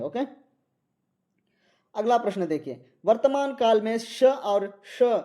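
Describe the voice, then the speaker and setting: Brief: male teacher, mellow tone, quiz-style lecture, repeats answers to drill them. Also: sits high. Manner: quizzing listeners, repeats each answer. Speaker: Hindi teacher. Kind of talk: exam-prep lecture.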